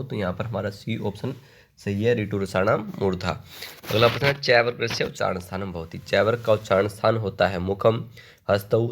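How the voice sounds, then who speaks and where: A man leads an online exam-prep lesson in a fairly low voice. He reads each question aloud, then recites the word forms in slow, rhythmic lists. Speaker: Sanskrit exam tutor.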